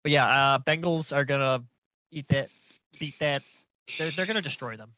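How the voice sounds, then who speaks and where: A man's voice: medium pitch, normal speed, pushed and bright, slight background noise, low-quality recording. A man co-hosting a sports podcast, blunt and profane in his ribbing. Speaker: podcast co-host. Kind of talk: casual sports chat.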